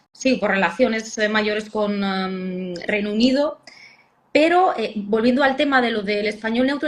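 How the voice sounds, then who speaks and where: A woman with a Spanish accent from Spain, a guest philologist explaining language patiently with frequent hesitation sounds. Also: a little high. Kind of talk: explanatory interview talk.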